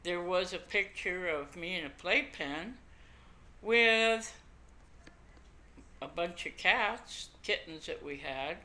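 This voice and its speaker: Slow, toothless older woman, lips over gums. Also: lowish voice, bright, forceful tone. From Canada. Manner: rambling, folksy, self-deprecating. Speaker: podcast host. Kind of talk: casual chat to camera. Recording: noisy amateur home computer recording.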